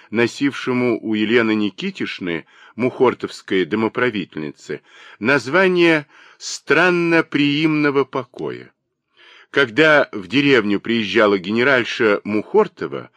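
A man narrating a classic novel as an audiobook, with expressive storytelling. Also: mid-range voice, no echo.

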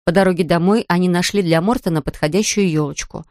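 A woman reading a children's storybook aloud in a calm, even manner. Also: on the low side, fast talker, no echo, clean studio sound. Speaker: narrator.

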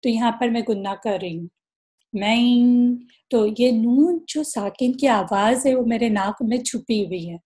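A woman teaching a recitation lesson, patiently explaining rules and demonstrating examples slowly. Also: a little high, dark tone. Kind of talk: tajweed lesson.

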